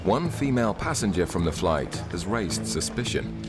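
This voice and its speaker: Deep-voiced male documentary narrator. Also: very animated, normal speed. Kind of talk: scripted voice-over narration. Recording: studio voice-over with loud music behind.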